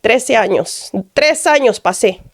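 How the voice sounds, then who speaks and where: A woman's voice: a little high, lively intonation, slow pace, dry recording, studio quality. A woman from Guatemala giving an earnest personal testimony, repeating phrases and often addressing the pastor. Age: adult.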